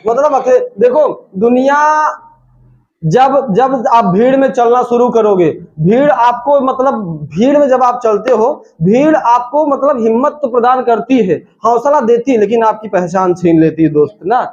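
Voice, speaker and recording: A man teaching a spoken English class, shouting drill phrases and joking with his students. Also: very high voice, unhurried, muffled recording.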